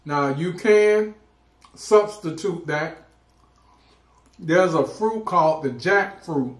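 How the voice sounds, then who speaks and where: A man with a slightly high voice talks slowly and casually as the host of a food vlog. He pauses often mid-thought. The sound is roomy, with clear echo around his voice. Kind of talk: casual mukbang chat while eating. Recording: roomy, echoing indoor sound.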